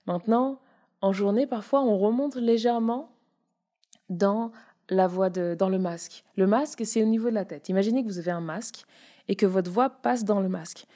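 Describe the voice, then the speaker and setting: Mellow-voiced woman coaching voice technique. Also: mid-range voice, moderate pace. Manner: demonstrative, shifts between chest, mask and head voice. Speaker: voice and public speaking coach. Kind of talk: casual spoken tutorial.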